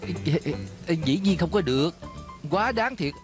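A man's voice: a little high, animated, a little slow, soft background music. A man dubbing an anxious, placating male film crew assistant in a TV drama. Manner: placating and apologetic. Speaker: dub actor. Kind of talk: Vietnamese dub of a TV drama.

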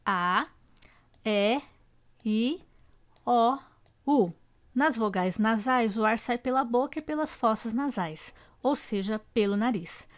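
A woman with a Brazilian Portuguese accent teaching a slide-based grammar lesson, slow and careful, repeating example words aloud. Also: mid-range voice.

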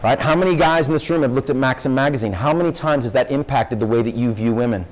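A young man, a professor, giving a conversational classroom lecture to high school students and peppering them with questions. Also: quick pace, rough recording. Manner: conversational, asks the audience lots of questions. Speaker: guest speaker, professor.

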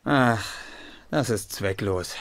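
A man's voice: fairly low pitch, slow, fairly bright tone, no echo. An actor playing a cocky, easily exasperated young man, the hero of an adventure game. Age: young adult.

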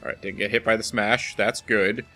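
This let's play host chats wryly at the game's boss, poking fun at himself as video game music plays. He has a fairly low, sharp-toned voice, speaks at a moderate pace, and keeps his intonation fairly even.

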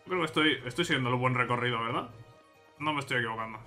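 A man with a Spanish accent from Spain commentating a video game he plays, chatting to himself and his viewers with bursts of excitement. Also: medium pitch, fast, soft background music. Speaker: gaming channel host. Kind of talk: casual let's play commentary.

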